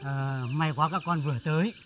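A man playing a gentle, sorrowful old village teacher. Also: a little high, fairly even intonation, brisk, lightly acted. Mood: regretful.

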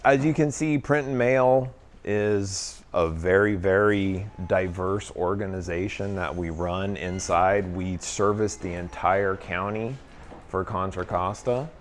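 Deep-voiced middle-aged man explaining machines. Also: takes it slowly, slight background noise. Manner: enthusiastic, step-by-step explaining. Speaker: print and mail manager. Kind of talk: guided tour, explaining machines. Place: large warehouse and print floor indoors.

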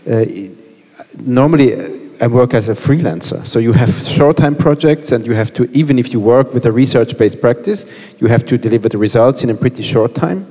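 A freelance artist in his thirties speaks on a panel in a measured, explanatory way. His voice is dark and mellow. The headset mic carries the long echo of the room. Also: mid-range voice. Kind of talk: panel discussion. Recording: reverberant room.

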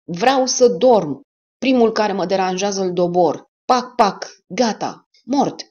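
A woman voicing a hot-tempered male soldier who yells and bellows in an audiobook. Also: mid-range voice, expressive, voice pushed up, natural voice. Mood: bellowing. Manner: shouting, drawn-out bellowing. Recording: dull lo-fi audiobook recording.

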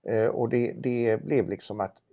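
A man's voice: mid-range voice, vocal fry, mellow. A man presenting a car for auction in a casual, knowledgeable chat, with frequent restarts. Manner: knowledgeable, chatty, many restarts.

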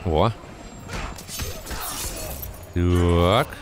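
A man's voice: deep voice, very slow. A young man giving casual live gameplay commentary in short muttered reactions, on a close mic. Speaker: gamer commentator. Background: fighting game music and effects.

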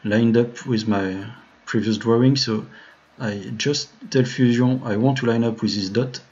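A man's voice: mid-range voice, fairly even intonation, measured pace, darkish tone. A man with a French accent giving a live tutorial on CAD modeling, talking through each step with many fillers and restarts while greeting viewers in the chat. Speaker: 3D modeling streamer. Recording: dull lo-fi home stream audio.

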